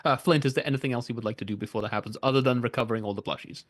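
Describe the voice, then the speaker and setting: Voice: medium pitch, very fast. A game master casually running a tabletop game, with a wry, bantering manner.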